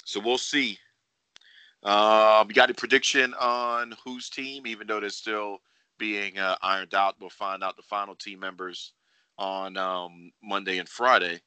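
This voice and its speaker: A man's voice: fairly low pitch, steady tone, measured pace, bright, forceful tone, clean tone, no room sound. A man hosting a casual sports podcast, speculating in a teasing, opinionated way. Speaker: wrestling podcast host.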